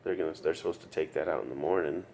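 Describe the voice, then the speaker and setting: A weary, subdued man freshly out of surgery, earnestly giving advice in a casual video diary, halting and repeating himself, recorded in a hospital room. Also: very deep voice, creaky, a little mellow. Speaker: patient sharing his recovery story. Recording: noticeable background room noise.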